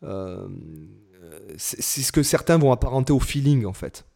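Guy, guitar teacher, casual chat, lots of euh and restarts, middle pitch. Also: lively intonation, normal speed, creaky, warm tone. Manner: hesitant, many fillers and restarts. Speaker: guitar teacher and channel host.

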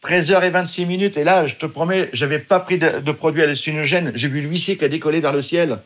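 A man's voice: fairly high pitch, steady tone, brisk. A middle-aged man from France, telling his own story as a guest with vivid, emphatic delivery. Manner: vivid, emphatic, acts out shouted quotes. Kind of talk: dramatic personal storytelling.

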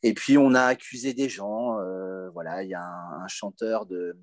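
Low-voiced hesitant male reviewer. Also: moderate pace, no echo, studio quality. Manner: hesitant, many fillers and restarts. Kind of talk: casual radio review.

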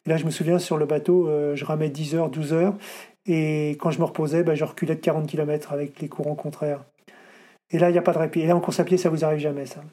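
A middle-aged man talks fast as an interview guest, his voice husky and dark. He stumbles through fillers and restarts, circling back to finish his thoughts. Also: a little high, little pitch movement. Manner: hesitant, many fillers and restarts. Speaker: ultra-distance runner guest. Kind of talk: interview answers.

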